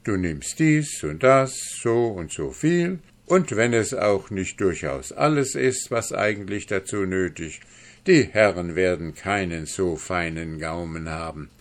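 A man's voice: sits low, lively intonation, a little slow. A man voicing a kindly, helpful female goose in an audiobook reading.

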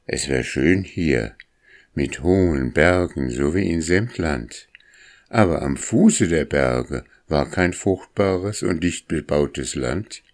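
A man calmly narrating a storybook as an audiobook. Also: a bass voice. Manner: calm, unhurried storytelling.

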